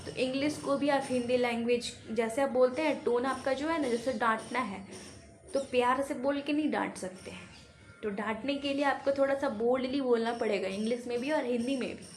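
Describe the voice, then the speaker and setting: A woman's voice: high-pitched, a little fast, faint music behind. A woman teaching a casual spoken-English lesson, explaining patiently and repeating words and examples.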